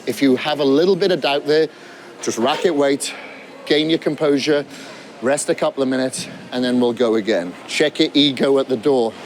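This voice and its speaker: A man talking a beginner through a gym workout at a middle pitch, coaching as he demonstrates each exercise. He is sometimes out of breath between sets. Faint noise runs under his voice. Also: moderate pace. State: out of breath at times. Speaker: fitness trainer.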